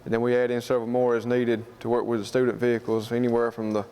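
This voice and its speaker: A man's voice: mid-range voice, completely flat delivery, quick pace, dark tone, clean tone. A man with a Southern US accent giving an informal interview, explaining things in a plain-spoken, folksy way. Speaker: student club president being interviewed.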